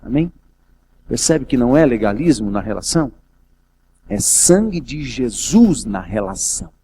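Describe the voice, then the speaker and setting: Gravelly Brazilian pastor preaching a sermon. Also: male voice, medium pitch, very animated, measured pace, dark tone, a little hiss or hum. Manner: storytelling preacher, rising to emotional intensity. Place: event hall.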